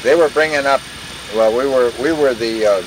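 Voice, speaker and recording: An older veteran telling war stories in a rambling, folksy way, full of restarts and sound effects. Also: male voice, mid-range voice, moderate pace, a little hiss or hum, rough recording. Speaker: veteran interviewee. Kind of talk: oral history war reminiscence.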